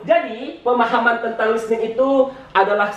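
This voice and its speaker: A man teaching English in a casual, chatty way at a whiteboard, mixing English words into his talk and jumping up in pitch for emphasis. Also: steady tone, moderate pace, far from the mic, lo-fi sound, a crowd in the background. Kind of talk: casual spoken lesson at a whiteboard. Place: room with a whiteboard. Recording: echoey room.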